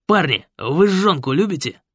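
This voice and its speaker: A man doing a loud, brash biker designer. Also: fairly high pitch, expressive, normal speed, breathy edge, no room sound, studio quality, voice pushed up. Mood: boisterous. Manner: slangy, bossy and boisterous. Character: brash loud male biker designer Fred, pushy, jovial. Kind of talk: audiobook character voice.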